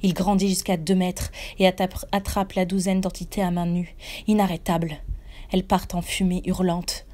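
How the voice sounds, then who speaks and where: A woman reading her own first-person fantasy story aloud, soft and hushed, sometimes dropping to near-whispers. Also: on the low side, level tone, normal speed.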